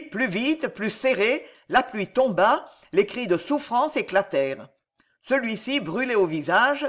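Audiobook narrator, dramatic rhythmic reading, lively pitch.

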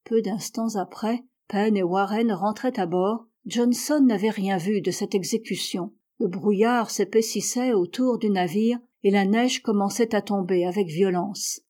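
Woman, audiobook reader, novel narration, dark relaxed timbre, mid pitch. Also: measured pace, few pauses. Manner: voices sailors' quotes louder and higher. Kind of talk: read-aloud novel narration.

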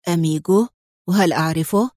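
A woman doing a sly male kingpin from a storybook read aloud, wry and guarded, in a voice sitting a little below her own. His talk stays even and dry, with no room around it. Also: lowish voice, a little fast, no echo, close to an everyday voice. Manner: ironic, guarded, turns sharp. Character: smooth, sly male businessman, a city kingpin.

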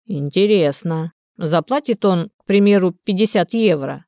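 A woman voicing a hoarse, half-drunk old male canal watchman who grumbles slowly and muses aloud. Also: lowish voice, dark tone, no echo, studio quality, close to an everyday voice. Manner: grumbling, slow and musing.

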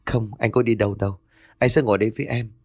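A man's voice: lowish voice, steady tone, fast, a little mellow, no room sound, studio quality. A man voicing a selfish young husband who talks in a dismissive, evasive way. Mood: placating.

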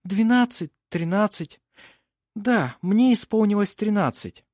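An earnest young woman testifying in court, her voice high and pleading, as a male reader puts her on. Her voice swoops with feeling over a dry, close sound. The medium is an audiobook. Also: lively intonation, measured pace, darkish tone, no echo. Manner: pleading, rising to indignant.

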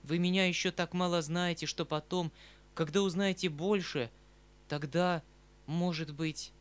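Male audiobook narrator, expressive literary reading, slightly raised pitch. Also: measured pace, clear, resonant tone. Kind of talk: scripted narration.

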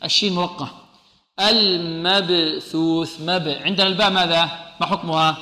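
A man teaching Quran recitation rules. He asks questions and answers them himself, drawing out sounds slowly to demonstrate them. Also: a little high, fairly even intonation, pushed and bright. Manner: slow drawn-out demonstration of sounds. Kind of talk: tajweed lesson. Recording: echoey hall with long reverb.

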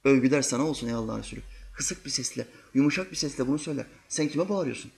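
A man giving a religious sermon, telling vivid stories and acting out quotes, swinging between loud and hushed. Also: medium pitch, expressive, very fast, creaky, husky. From Turkey. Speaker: preacher.

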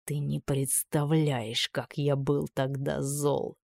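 A woman voicing a scheming, menacing older male judge with a low, insinuating purr. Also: steady tone, unhurried, vocal fry, a little mellow, clean tone, no room sound.

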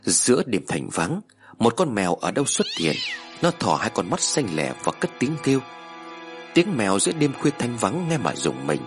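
A man with a deep voice narrates a horror tale in the first person, keeping a slow, grave delivery. His intonation rises and falls vividly, with soft music in the background.

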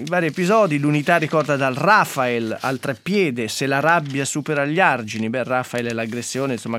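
A man's voice: on the high side, no room sound, studio quality. A man hosting a radio press review, reading newspaper quotes in a conversational way with asides and fillers. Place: radio studio.

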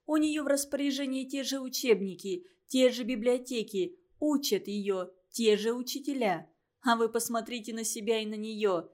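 A woman reading a novel aloud, voicing a stern, sharp-tongued young woman who lectures her friends harshly. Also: on the high side, moderate pace, close to an everyday voice. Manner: harsh, cutting, emphatic.

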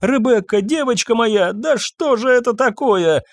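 A distraught lady of the house, as a male reader puts her on, her voice lifted high in pleading cries. The sound is dry and close. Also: sing-song, a little slow, no room sound, full character voice. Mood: frantic. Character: frantic middle-aged mother, lady of the house.

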